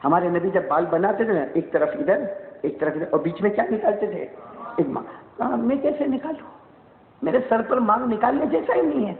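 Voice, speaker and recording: A man with a Mewati-inflected accent gives an animated sermon in a high, gravelly voice. He keeps calling on the crowd to answer him and climbs to shouts. The sound is tinny and lo-fi, with a long echo from a big hall. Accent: Mewati-inflected Urdu. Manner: animated, calls on the audience to repeat, rises to shouting. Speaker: preacher. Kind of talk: sermon storytelling.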